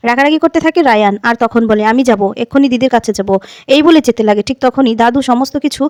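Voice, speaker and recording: A woman narrating a plot recap in a quick, running way, lightly acting out the characters' lines. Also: on the high side, a little mellow, no echo. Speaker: story narrator. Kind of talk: retelling a serial's plot with voiced dialogue.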